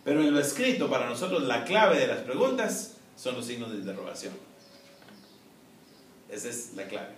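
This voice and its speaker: Male professor, measured classroom lecture, recorded from across an echoey room. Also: medium pitch, sing-song. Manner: measured, explanatory, frequent "eh" and "¿no?" tags. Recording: echoey room, distant mic, faint noise.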